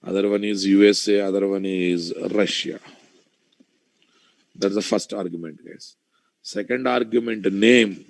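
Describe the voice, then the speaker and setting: A man with a Telugu Indian accent teaches programming in a close, dry sound. His voice is creaky and unhurried, and he thinks aloud, repeating phrases and quizzing students as he goes. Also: lowish voice, fairly even intonation, no echo, rough recording. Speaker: programming instructor. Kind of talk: informal live coding lecture.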